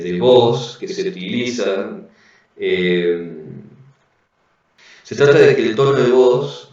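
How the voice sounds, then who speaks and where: A man with a Rioplatense Spanish accent giving an online class, explaining calmly and often checking in with tag questions, heard over a video call. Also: on the low side. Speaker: instructor. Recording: very echoey, dull lo-fi audio.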